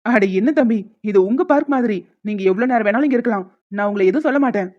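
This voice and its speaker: A woman's voice: fairly high pitch, very fast, lo-fi sound, lightly acted. A woman voicing a kindly older male park watchman in a cartoon, talking in a fatherly, scolding way. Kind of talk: cartoon voice acting.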